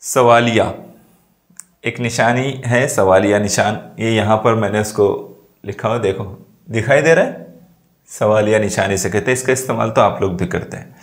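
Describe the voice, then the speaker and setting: A man teaching a grammar lesson, explaining slowly and checking often that students follow. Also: fairly low pitch. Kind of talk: classroom lesson.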